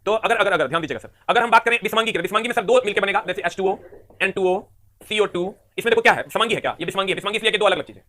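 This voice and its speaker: Rapid-fire, bright-voiced man teaching chemistry. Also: sits high. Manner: rapid, repetitive drilling with counting aloud. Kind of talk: live online chemistry class.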